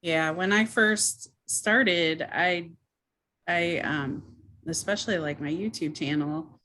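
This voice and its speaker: A woman's voice: fairly low pitch, takes it slowly, sharp tone, a little hiss or hum. A woman chatting casually as an online video creator, modest and somewhat hesitant in how she talks. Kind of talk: casual chat.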